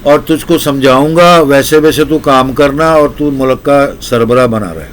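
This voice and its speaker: A man's voice: mid-range voice, slight background noise, natural voice. A man voicing a wise, generous king who lectures and praises a poor laborer in long, repetitive lists. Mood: lecturing. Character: generous wise old king, kindly and commanding.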